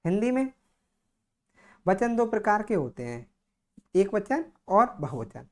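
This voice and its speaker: A man's voice: high voice, big pitch swings, slow pace, darkish tone. A man teaching a grammar lesson for exam preparation, saying each word more than once in a dictating way. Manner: repeats each word, dictating-style explanation.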